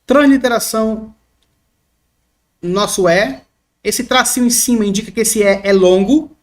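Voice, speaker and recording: Teacher, mid-pitched voice, slow repeated examples, checks understanding often. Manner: patient, repeats each sound slowly, checks with "tá?". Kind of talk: explaining the Greek alphabet.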